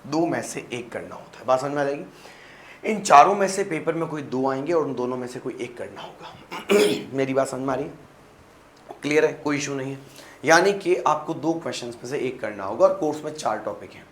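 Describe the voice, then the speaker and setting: A man's voice: mid-range voice, a little fast. A man with a Rajasthani accent teaching a class, repeating each point, quizzing his listeners and mixing English phrases into his talk. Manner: mixes English phrases into Hindi; clears throat often. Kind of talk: classroom-style lecture. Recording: echoey room with faint background hum.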